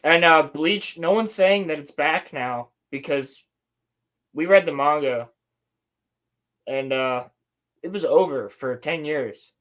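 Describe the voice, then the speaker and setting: A man's voice: on the high side, a bit bright. A man hosting a podcast, chatting casually and stumbling over repeated words. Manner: easygoing, halting, repeats words. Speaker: podcast host. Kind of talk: casual reaction chat.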